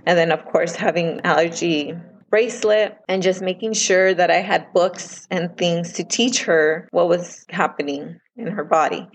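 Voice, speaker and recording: A woman in her thirties with a husky, breathy voice that sits a little low. She talks earnestly and with feeling as a guest in a casual interview. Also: unhurried, low-quality recording. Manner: earnest and emotional, quoting others in lively voices. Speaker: guest, parent of a child with food allergies.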